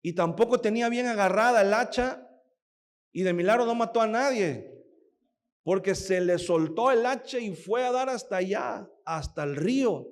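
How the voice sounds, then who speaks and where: Pastor guy preaching, kinda high voice, acts out the story and keeps asking the crowd stuff. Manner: asks the audience frequent rhetorical questions. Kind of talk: sermon.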